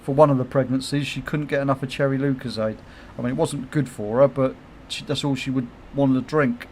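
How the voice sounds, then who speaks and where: A middle-aged man, chatting loosely while he streams a game from home. He swears freely, laughs a lot and replies to viewers' comments. His voice sits at a mid pitch, with a faint hiss behind it. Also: steady tone, fairly quick, darkish tone. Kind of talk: casual livestream chat.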